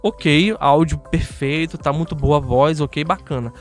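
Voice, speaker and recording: A man's voice: on the high side, normal speed, music in the background. A man with a Brazilian Portuguese accent hosting a casual video tutorial, chatting straight to viewers and often checking in with short tag questions. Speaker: host of an audio software tutorial channel.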